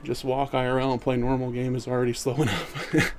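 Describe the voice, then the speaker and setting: A middle-aged man live-streaming, who reads chat aloud and answers it in a relaxed, easygoing way while walking in place. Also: medium pitch, brisk, noisy background.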